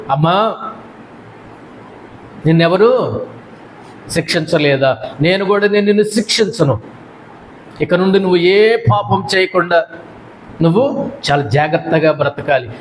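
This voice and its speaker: High-voiced preaching man. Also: a little hiss or hum, rough recording. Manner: preaching with repeated refrains and rhetorical questions. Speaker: pastor. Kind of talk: sermon.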